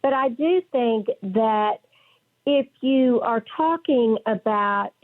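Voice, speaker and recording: A woman's voice: on the high side, slow pace. A woman with a West Texas twang, speaking conversationally as a counselor being interviewed on the radio. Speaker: interview guest, licensed professional counselor. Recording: phone-like narrow band.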